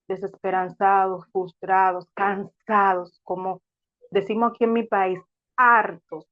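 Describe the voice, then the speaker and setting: A woman's voice: mid-range voice, phone-quality sound. A woman sharing a personal faith testimony in an earnest, reflective way, sometimes restarting her words. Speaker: testimony speaker.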